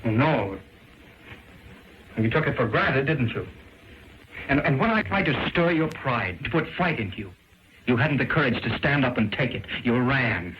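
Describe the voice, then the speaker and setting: A man's voice: medium pitch, expressive, normal speed, long pauses, lightly acted. An actor playing a proud, idealistic man with earnest, declamatory, stagey old movie delivery on a dull, faintly noisy early film soundtrack. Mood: reproachful. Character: proud, idealistic, reproachful man, scornful of cowards.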